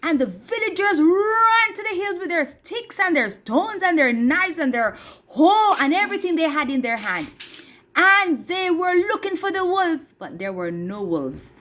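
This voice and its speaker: A woman telling a children's story with a puppet, lively and asking the young audience questions. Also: very high-pitched, unhurried. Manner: animated, addresses children directly with questions.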